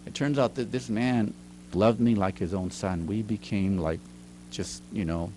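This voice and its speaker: With a fairly low, dark voice and measured pace, a middle-aged teacher and writer shares stories as a guest in a relaxed studio interview, where a little hiss or hum can be heard. He keeps things chatty, laughs often, and acts out quotations.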